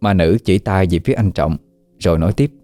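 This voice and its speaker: A man narrating a scripted ghost story in a steady way. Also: low-pitched, brisk, no echo. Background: faint background music.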